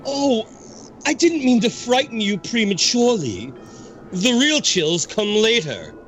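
A man's voice: sits high, sing-song, a little slow, a bit bright, slight background noise, full character voice. A man playing a sinister, theatrical ghost who hosts a haunted tour, drawling and gloating with cackling laughs. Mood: mocking. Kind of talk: amateur reenactment of a ride narration.

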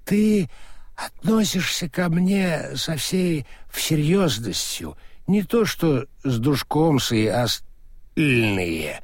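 A man puts on a drunk small-time crook who slurs and drags out every word with big, lurching swings of pitch. The voice is husky and close-miked, with no room sound at all. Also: very animated, extremely slow, dry recording, exaggerated voice. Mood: sentimental. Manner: slurred, hiccuping, maudlin. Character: drunk sentimental small-time male swindler.

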